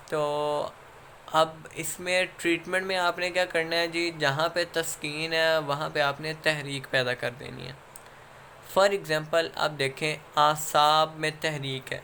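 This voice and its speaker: A man's voice: a little high, pushed and bright, a little hiss or hum. A man with a Pakistani accent giving a recorded lecture, explaining step by step and checking in with "okay" again and again. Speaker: instructor.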